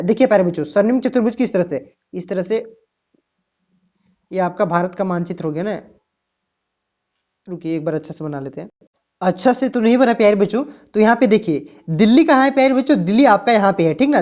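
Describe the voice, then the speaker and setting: Explaining through rhetorical questions she then answers, a woman leads an exam-preparation class, returning again and again to "ठीक ना" and "प्यारे बच्चों". Her voice is a little high and slightly mellow, captured in dull lo-fi sound.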